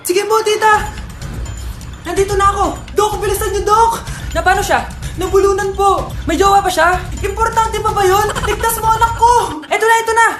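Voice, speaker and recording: A very high-voiced woman acting out every part in short comic skits. She shrieks and exaggerates each role. Her voice sounds roomy and echoey, with background music playing underneath. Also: steady tone, normal speed, fairly bright tone. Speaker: comedy skit creator.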